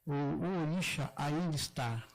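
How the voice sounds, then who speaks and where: An older man from southern Brazil, a religious elder giving a halting public talk with many restarts and slowly drawn-out demonstration words. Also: fairly high pitch, gravelly, faint music behind, poor audio. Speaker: Afro-Brazilian religious elder speaking at a gathering. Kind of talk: public talk, explaining pronunciation.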